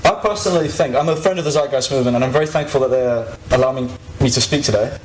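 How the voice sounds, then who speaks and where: A man's voice: medium pitch, quick pace, reverberant, slight background noise, poor audio. A 21-year-old man giving an informal, reflective podium speech to an audience, with some hesitancy. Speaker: activist giving a talk. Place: live event stage before an audience.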